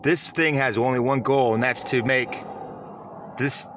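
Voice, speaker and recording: A man's voice: mid-range voice, steady tone, a little slow, fairly bright tone, a little hiss or hum. A man giving a self-recorded vlog monologue, earnest and rambling, often restarting his sentences. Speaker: vlogger.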